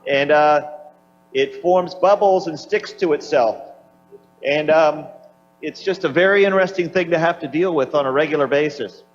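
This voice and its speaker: Higher-pitched man on a dull, humming downlink. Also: moderate pace. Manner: hesitant, searching for words. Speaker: astronaut answering questions. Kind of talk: unscripted question-and-answer talk. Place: aboard a space station. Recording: slightly dull downlink with faint hum.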